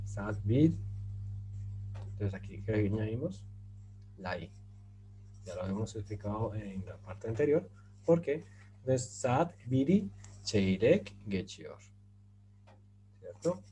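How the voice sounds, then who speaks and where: A man's voice: lowish voice, mellow, a little hiss or hum. A man teaching a beginner Turkish lesson, repeating example phrases and asking his students rhetorical questions. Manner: explains patiently, repeats example phrases slowly; asks rhetorical questions to the class. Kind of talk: slide-based language lesson.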